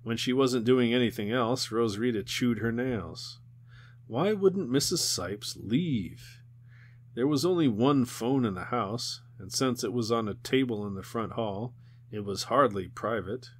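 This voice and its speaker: A man reading an audiobook aloud in a steady, measured storytelling manner. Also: mid-range voice. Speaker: audiobook reader. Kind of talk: audiobook narration.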